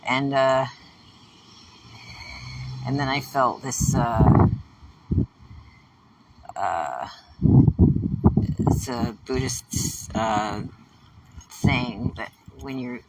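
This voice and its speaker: A woman's voice: extremely low pitch, very slow, creaky, long pauses. A woman host rambling through a personal monologue on a road trip, chuckling between thoughts and leaning on fillers. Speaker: podcast host. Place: inside a moving vehicle on a road trip. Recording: distant mic with road noise. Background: vehicle road noise.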